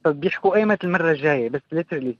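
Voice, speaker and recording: Fast-talking man, Palestinian-Jordanian Levantine accent. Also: on the high side, expressive, no echo, dull audio. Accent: Palestinian-Jordanian Levantine Arabic. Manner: mixes English words into Arabic. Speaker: interview guest, craft project co-founder. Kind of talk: casual radio interview talk.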